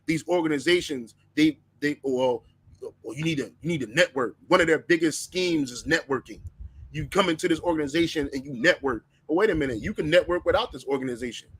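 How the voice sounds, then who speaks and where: A man's voice: fairly high pitch, fairly quick, fairly bright tone, husky. A man speaking with preachy conviction in a religious discussion, often repeating words as he starts phrases.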